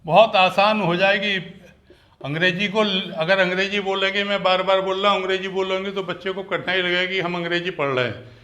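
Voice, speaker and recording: A man with a bright, fairly high voice teaches letter sounds to parents. He explains step by step, asks many questions, and repeats and stretches out words to show how each sound goes. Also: steady tone, brisk. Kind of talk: phonics lesson for parents.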